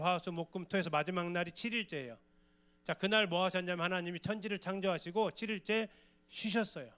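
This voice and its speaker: A man's voice: sits high, fairly bright tone, smooth. A man giving a church Bible lecture, explaining in a conversational way and often asking the audience questions.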